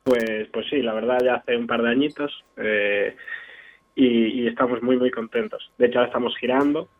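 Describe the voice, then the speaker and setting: A man's voice: mid-range voice, fairly even intonation, moderate pace, no room sound. Man talking over a landline phone. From Galicia, Spain. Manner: hesitant, with many fillers and restarts. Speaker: drummer in a band, guest. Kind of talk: casual interview chat. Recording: tinny dry phone line.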